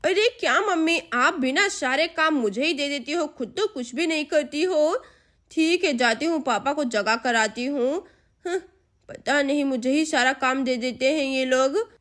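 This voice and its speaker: A bratty, sulky young girl with a very high voice, snapping and grumbling at everyone, as a woman puts her on in a children's doll story. Her tone stays cross and bossy. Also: measured pace, fairly bright tone. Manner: snappy and complaining.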